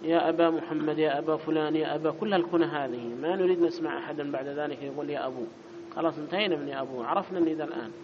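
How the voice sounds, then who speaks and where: Male grammar teacher, quizzes students, reads text aloud, fairly high voice, dull muffled sound. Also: a crowd in the background. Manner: quizzes students and corrects them briskly. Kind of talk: classroom lesson with student questions. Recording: dull lo-fi recording with clear background noise.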